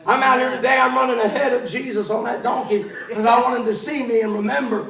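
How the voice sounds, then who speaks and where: Excited healed man, put on by a male preacher, high voice, roomy echo, heard from a distance. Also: quick pace, vocal fry, heavily acted. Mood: joyful. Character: grown man once lame, now overjoyed. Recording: echoey church, mic at a distance.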